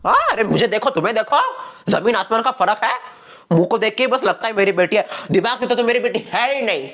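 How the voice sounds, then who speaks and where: A man doing a shrill bickering housewife. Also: expressive, a bit bright. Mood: frantic scolding. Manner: quick shifts between squeaky and low put-on voices. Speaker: sketch comedian playing all characters. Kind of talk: comedy skit with one performer in every role. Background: music.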